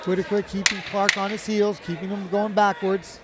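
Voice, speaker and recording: High-pitched male fight analyst. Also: level tone, moderate pace, very noisy. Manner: emphatic, repeats himself. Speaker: fight analyst, color commentator. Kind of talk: live MMA analysis, conversational. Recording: crowd and music behind.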